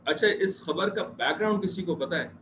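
A man teaching an online religious history class, explaining step by step and checking in with his students. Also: sits high. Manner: conversational, repeats checks with students. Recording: echoey muffled noisy room.

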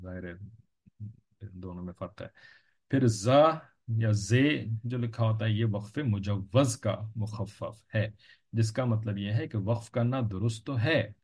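A man's voice: on the low side, gravelly, warm tone, husky. A man teaching a religious lesson in an explanatory lecture style, patiently repeating points and checking that listeners follow. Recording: dull lo-fi recording.

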